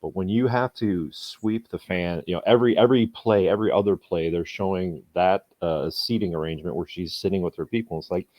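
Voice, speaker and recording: A man's voice: low voice, a little fast, hardly any pauses, darkish tone, no echo. A man hosting a podcast in casual discussion, reflective and often restarting his words as he thinks. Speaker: podcast host.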